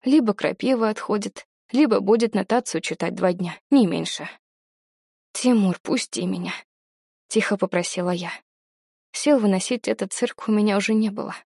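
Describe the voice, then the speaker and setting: Woman narrating with a mellow, dark voice. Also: medium pitch, a little fast, gravelly, no room sound, studio quality. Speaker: audiobook narrator. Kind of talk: first-person storybook narration.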